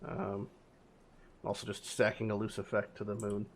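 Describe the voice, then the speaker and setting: A man's voice: on the low side, monotone, moderate pace, slight background noise. A man giving informal gameplay commentary as a streamer, swearing freely and repeating words for emphasis. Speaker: game streamer.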